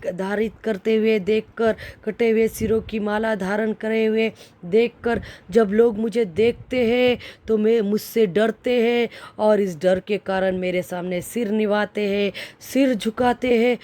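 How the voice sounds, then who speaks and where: A woman voicing a fearsome many-headed mother goddess who speaks slowly and repeats herself as she explains. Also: mid-range voice, warm tone, voice pushed up, natural voice.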